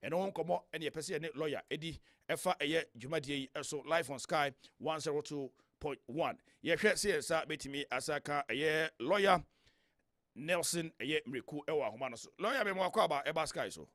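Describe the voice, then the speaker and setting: A man's voice: fairly high pitch, normal speed, fairly bright tone, dry recording, clean studio sound. A man with a Ghanaian accent hosting a radio current-affairs interview, code-switching into English phrases with emphatic, repetitive phrasing. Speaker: radio host. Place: radio studio. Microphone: close studio microphone.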